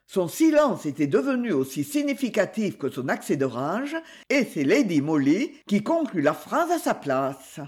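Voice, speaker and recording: A woman's voice: medium pitch, sing-song, moderate pace, hardly any pauses, a little mellow. A woman narrating a classic mystery story in a scripted reading style. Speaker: audiobook narrator.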